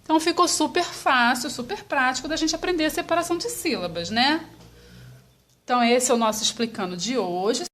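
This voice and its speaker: A woman teacher with a Brazilian Portuguese accent, giving a slow lesson to young children and sounding out each syllable patiently. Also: sits high, fairly bright tone.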